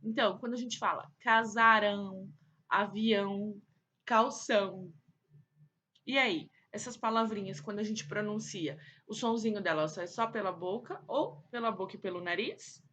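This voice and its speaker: Brazilian woman teacher, bright tone, coaxes kids with questions, faint hiss behind. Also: medium pitch, brisk, hardly any pauses. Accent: Brazilian Portuguese. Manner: affectionate, coaxing, asks and answers her own questions. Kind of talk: recorded online lesson for children.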